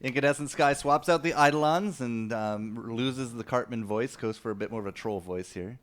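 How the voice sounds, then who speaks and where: A young man casting a live esports match, excitable and quick to laugh, chatting with viewers between plays. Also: medium pitch. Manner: excitable, laughing, talks to chat. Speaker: esports caster. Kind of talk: live game commentary.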